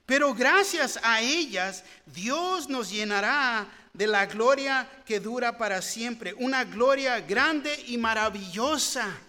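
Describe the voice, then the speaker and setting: A man's voice: very high-pitched, animated, slow, few pauses, pushed and bright. A man preaching a sermon, earnest and rising into fervent pleading. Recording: long hall reverb.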